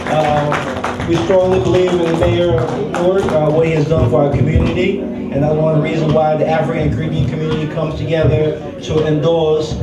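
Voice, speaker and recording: A man's voice: on the high side, flat delivery, fairly quick. A man emceeing an event, hyping the crowd and introducing the mayor. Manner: hypes the crowd, rallying. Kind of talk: event announcing. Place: lounge event, in doors. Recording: echoey room, far mic, loud music.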